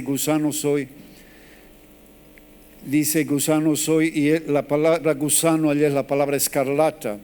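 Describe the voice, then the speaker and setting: A man preaching a sermon as pastor, animated and acting out quotes as he teaches. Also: a little high, clean tone.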